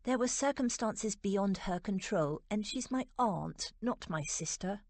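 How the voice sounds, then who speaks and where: A woman narrator voicing a sharp-tongued young noblewoman with a tart, indignant manner in a romance audiobook. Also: medium pitch, expressive, a little slow, no echo.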